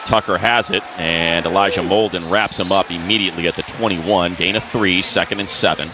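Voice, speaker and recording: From an open stadium broadcast booth, a male radio announcer calls live football play-by-play against loud stadium ambience. His voice is low and steady, and he speaks fairly quickly.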